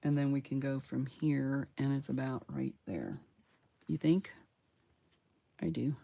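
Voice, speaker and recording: Woman craft vlogger, low voice with a gravelly edge, chatty and playful, talks viewers through each step. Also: very animated, measured pace, warm tone, no room sound. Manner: chatty, talks to herself while working; playful sound words and self-cheering. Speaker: craft channel host. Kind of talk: casual crafting tutorial.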